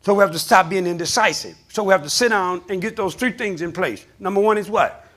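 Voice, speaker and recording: A man preaches in a church sanctuary, his voice pitched unusually high. The tone is bright and forceful. He works the room with call-and-response and pushes up into shouting. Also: fairly quick. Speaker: pastor. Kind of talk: sermon.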